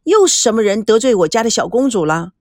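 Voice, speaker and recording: A woman's voice: a little high, sing-song, brisk, darkish tone, dry recording, studio quality. A woman voicing a busy middle-aged businessman father who gives clipped orders and speaks fondly to his daughter. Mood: brisk.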